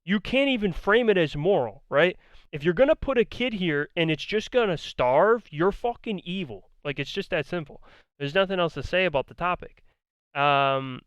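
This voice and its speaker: Ranting about a debate, a man gives blunt, argumentative commentary full of profanity, repeating the same points over and over. His smooth voice sits somewhat high, is a bit bright, and is starting to go hoarse. He's miked up close with no room sound at all.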